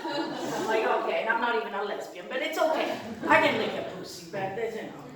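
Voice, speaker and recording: A woman doing a bawdy stand-up routine, telling a story with lively sound effects and acted-out voices. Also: fairly high pitch, a little fast, recorded from a distance, a loud crowd, very noisy. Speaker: stand-up comedian. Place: comedy club stage. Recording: echoey room, mic from afar, audience. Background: audience.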